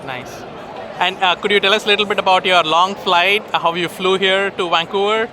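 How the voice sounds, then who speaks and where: Casual guy asking friendly questions, kinda high voice, lots of background noise. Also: a little fast, crowd noise. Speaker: interviewer. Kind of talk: conference interview. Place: crowded conference poster hall. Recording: noisy conference floor.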